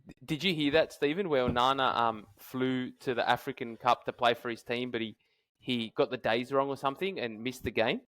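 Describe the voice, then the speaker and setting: A man's voice: medium pitch, steady tone, brisk, fairly bright tone, no echo. An Australian man co-hosting a sports podcast in casual banter, blunt and blokey with plenty of swearing. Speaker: podcast co-host.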